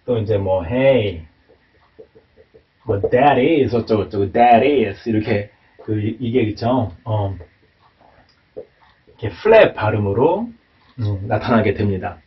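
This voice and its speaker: A man's voice: fairly low pitch, expressive, takes it slowly, pauses often. A man teaching English pronunciation at a whiteboard, talking hesitantly with many fillers and tag questions. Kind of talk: whiteboard lecture. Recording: dull, distant mic.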